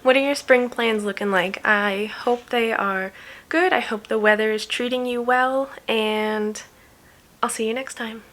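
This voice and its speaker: A woman's voice: fairly high pitch, steady tone, measured pace, fairly bright tone. A woman hosting a knitting video podcast, chatting casually to the camera in a rambling way with little laughs.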